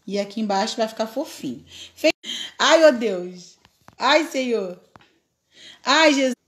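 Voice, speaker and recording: A high-voiced woman from Brazil chats through a live craft tutorial at her table. She talks slowly and unhurriedly, laughing often and greeting her viewers by name. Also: animated, a bit bright. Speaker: craft live-stream host.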